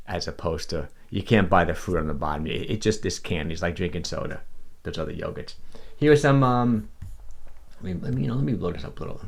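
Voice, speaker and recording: Casting note: middle-aged male coach, very low voice, loose rambling livestream delivery. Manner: rambling, conversational, many restarts and fillers. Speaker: fitness coach. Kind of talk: casual livestream teaching. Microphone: livestream desk mic.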